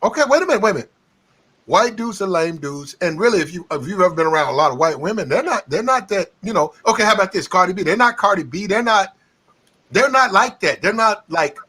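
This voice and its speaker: A man in his thirties on a casual panel, stammering and excitable, constantly asking others to hold on. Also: high-pitched, fast talker, slightly rough. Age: 30s. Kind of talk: heated casual debate.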